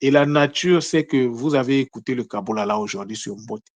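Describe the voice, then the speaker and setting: A man delivers a spontaneous spiritual lesson in an earnest tone, circling back over words and restarting his sentences as he thinks. His voice sits at an ordinary middle pitch. The recording is dry and close, with almost no room sound. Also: brisk, dry recording. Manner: earnest, repeats words and restarts phrases often. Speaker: spiritual teacher. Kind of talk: unprepared spiritual teaching talk.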